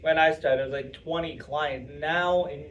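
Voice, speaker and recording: A young man talks casually to an audience, rambling and restarting with plenty of fillers. His voice sits a little high. He is picked up from across a meeting room, with faint room noise behind him. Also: steady tone, normal speed, fairly bright tone, far from the mic, lo-fi sound. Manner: chatty, rambling, self-interrupting with fillers. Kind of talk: casual talk answering audience questions.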